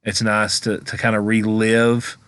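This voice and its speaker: Low-voiced man, rambling casual vlog commentary. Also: monotone, fairly bright tone, smooth, dry recording. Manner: rambling, halting, thinking aloud. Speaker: paranormal investigation vlogger. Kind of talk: casual director's cut commentary over own footage.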